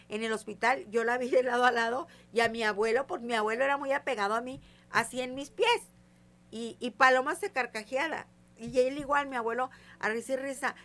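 A woman's voice: fairly high pitch, a bit bright. An older woman, a guest psychic telling stories in a casual interview and acting out the voices in them. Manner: tells stories vividly, acting out quoted dialogue.

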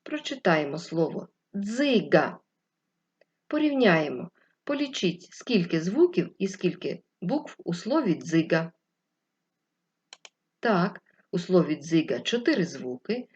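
A woman teacher giving a slow, clear, patient literacy lesson to young children. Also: fairly low pitch, highs cut off. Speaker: first-grade teacher. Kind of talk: distance-learning literacy lesson.

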